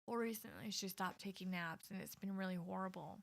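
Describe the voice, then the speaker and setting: A woman's voice: medium pitch, fairly quick, gravelly. A woman co-hosting a podcast and chatting casually and jokingly as a mother about her kids. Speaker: podcast co-host. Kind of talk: casual chat.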